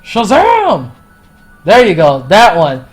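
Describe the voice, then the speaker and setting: A man casually reviewing a story in a rambling, profane, excitable way. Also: a little high, moderate pace, faint music behind. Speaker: anime and manga reviewer.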